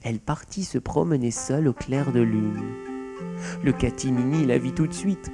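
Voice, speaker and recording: Man reading a kids story aloud, mellow voice, expressive, faint music underneath. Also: mid-range voice, moderate pace. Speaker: narrator. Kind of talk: storybook narration.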